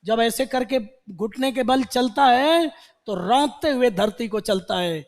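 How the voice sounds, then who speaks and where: A man's voice: very high voice, measured pace. A man teaching vocabulary to a class, repeating words and quizzing students with questions. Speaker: English teacher. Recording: long hall reverb.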